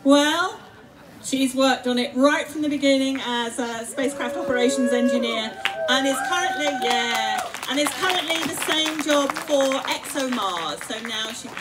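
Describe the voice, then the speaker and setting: A woman moderating a stage event before an audience, speaking haltingly with many fillers. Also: high-pitched, distant mic, a loud crowd, heavy background noise. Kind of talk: moderating a public talk.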